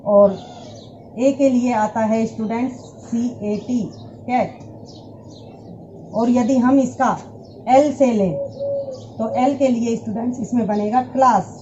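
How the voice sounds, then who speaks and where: In a classroom lesson on pronunciation, a woman patiently addresses her students and repeats each English word. Her voice is fairly high, mellow, and a little slow, heard through dull audio with slight background noise.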